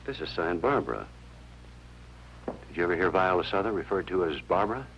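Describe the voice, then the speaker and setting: An earnest hospital chaplain in a 1950s TV drama. His voice is extremely deep with a gravelly edge, and he questions gently but keeps pressing. The sound is dull and lo-fi, with clear music behind him. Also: brisk, slight background noise. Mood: inquiring. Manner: calm, polite, persistent questioning.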